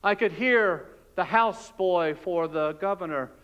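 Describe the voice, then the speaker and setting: Man acting Barabbas, fearful freed prisoner, slow hushed halting delivery, smooth high voice, dull lo-fi church recording. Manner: emotional, hushed, halting storytelling. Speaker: pastor performing a dramatic monologue. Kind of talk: dramatic first-person monologue. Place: church sanctuary.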